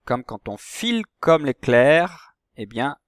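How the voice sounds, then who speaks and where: Man, primary teacher, slow patient delivery, drawn-out syllables, dry close sound. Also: on the high side, big pitch swings, dry recording. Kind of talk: recorded reading lesson for young children.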